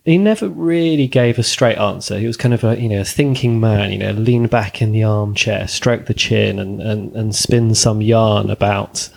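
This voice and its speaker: A man hosting a podcast, talking about football in a hesitant, halting way. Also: lowish voice, gravelly, darkish tone. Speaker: podcast host. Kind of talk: casual football chat.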